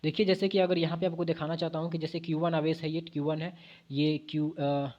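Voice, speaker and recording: A man's voice: on the high side, little pitch movement, brisk, a little mellow, muffled recording. A man giving an exam-prep physics lesson. He explains step by step at a board, corrects himself as he goes, and repeats key points back to the viewers as questions. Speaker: physics teacher.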